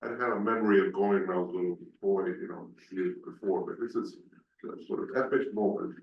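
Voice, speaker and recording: An older man from New York reflects on a panel, pausing often and searching for his words. His voice sits a little low. He is picked up from a distance in a roomy hall, and the sound is dull. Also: fairly even intonation, gravelly, a little hiss or hum. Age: 60s. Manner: reflective, hesitant, with many fillers. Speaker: panelist, teacher. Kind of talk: panel discussion.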